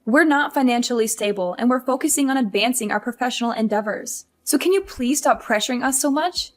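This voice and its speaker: A young career wife, voiced by a woman, pushes back in exasperation in an animated story. Her voice sits a bit high, pleading and indignant. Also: fairly quick, natural voice. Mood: exasperated.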